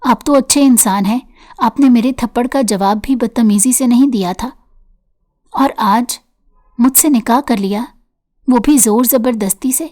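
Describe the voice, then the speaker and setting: A woman's voice: on the high side, mellow, lightly acted. A woman voicing a frightened young woman who pleads tearfully while crying. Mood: weeping.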